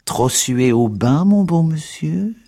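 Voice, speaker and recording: A man voicing a suspicious old female pawnbroker, shrewd and prying, with slow querulous questions. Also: on the high side, animated, gravelly, dark tone, voice pushed up, full character voice.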